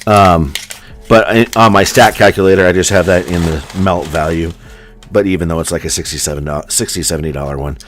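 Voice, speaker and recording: This coin hunting streamer, an American man with a General American accent, rambles on casually with his live audience, his speech packed with ums and likes. His low-pitched voice is fairly quick and a bit bright, set against soft background music.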